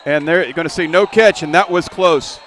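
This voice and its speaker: A man doing play-by-play of a high school football game from a stadium press box, folksy and relaxed. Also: normal speed, some chatter behind, a little hiss or hum. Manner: folksy, relaxed, rises when a play starts. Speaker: play-by-play announcer.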